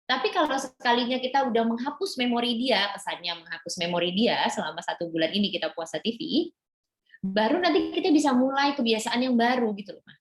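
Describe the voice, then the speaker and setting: Woman pediatrician, fairly high voice, patient explainer, roomy video-call sound. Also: fast. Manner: patient, explanatory, demonstrates animated reading voice. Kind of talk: webinar talk advising parents. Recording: echoey room.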